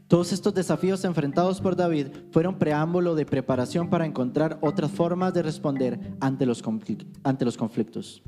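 Man teaching over soft guitar. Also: on the high side. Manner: conversational storytelling with anecdotes. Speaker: worship teacher. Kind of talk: teaching on worship.

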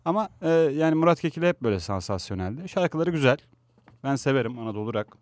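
A man's voice: medium pitch, expressive, fast talker, darkish tone, no echo. A man co-hosting a radio show in casual chat, laughing often and mimicking people mockingly. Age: older than his co-host. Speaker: radio co-host.

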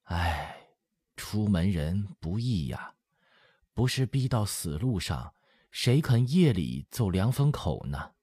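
Man voicing a slow, sighing ancient granny. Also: low-pitched, sing-song, dark tone, dry recording, heavily acted. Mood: weary. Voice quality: slow, breathy, muttering old voice. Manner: rambling, sighing, lamenting. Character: very old village grandmother, hard of hearing, sighing. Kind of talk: audiobook character voice. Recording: dry close studio sound.

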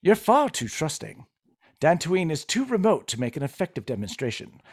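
Man putting on an icy British imperial commander, measured and menacing, lively pitch swings. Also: slightly rough, heavily acted. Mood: cold. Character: cold, imperious older male imperial commander. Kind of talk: playful scene reading.

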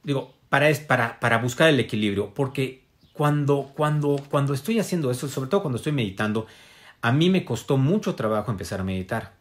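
A man's voice: mid-range voice, lively intonation, fairly quick. A man giving a casual spiritual wellness talk to an audience. He speaks reflectively, with many fillers and tag questions. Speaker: motivational speaker.

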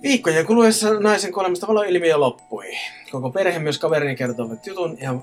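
A man's voice: fairly high pitch, faint music behind. A man reading listener ghost stories aloud in a casual podcast chat, stumbling over words now and then.

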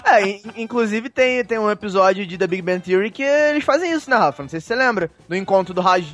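A man's voice: sits high, lively intonation, fast, a bit bright. A man co-hosting a casual podcast chat, rambling with frequent stammered restarts. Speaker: podcast co-host.

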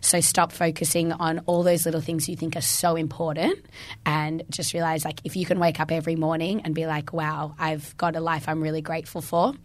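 A hoarse woman, a fitness instructor, chatting as a guest on a podcast and leaning often on "like". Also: sits low, flat delivery, a little fast, dry recording. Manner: chatty, leans heavily on "like". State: hoarse from teaching classes. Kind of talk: casual podcast chat.

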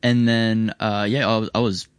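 A man's voice: on the low side, level tone, moderate pace, clear, resonant tone, no room sound. A young man with a broad New Zealand accent, chatting casually in a laid-back, slangy, rambling way as a musician guest. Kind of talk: casual chat.

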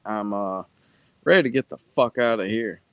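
A man's voice: lowish voice, moderate pace, clean tone, dry recording. A man co-hosting a casual podcast, laid-back, chuckling and swearing casually. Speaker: podcast co-host.

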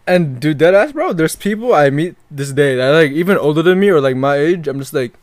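A man's voice: a little high, brisk, no room sound. A young adult man in casual chat, using street slang with lots of bro, dude and dog. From outside Canada, moved there as a child.

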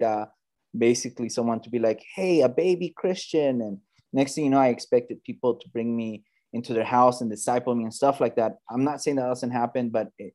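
A church planter from the Bay Area in the United States, a man in his thirties, tells his story as an interview guest. He sounds earnest and conversational, with a warm tone and an ordinary mid-range pitch, often pausing with fillers and restarting phrases mid-thought.

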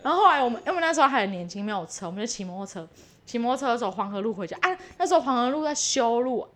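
A young woman with a Taiwanese Mandarin accent co-hosting a casual podcast, telling stories with frequent laughter and animated voices for the people she quotes. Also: fairly high pitch, very fast. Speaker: podcast co-host. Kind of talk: casual chat.

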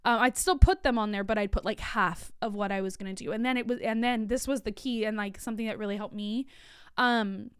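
A woman's voice: fairly high pitch, steady tone, fairly quick, clear, resonant tone, no echo, clean studio sound. A woman in her thirties giving a casual talk, chatty and full of fillers and restarts. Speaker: guest speaker.

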